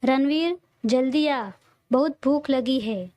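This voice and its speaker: A woman's voice: sits high, takes it slowly, mellow, dry recording. A woman voicing a cheerful, teasing young man who is a loyal friend, in a read-aloud audio story. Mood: friendly.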